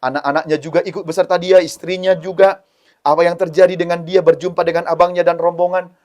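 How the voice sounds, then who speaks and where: A man telling a Bible story as a Sunday school sermon, animated and speaking directly to the children. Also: high-pitched, quick pace.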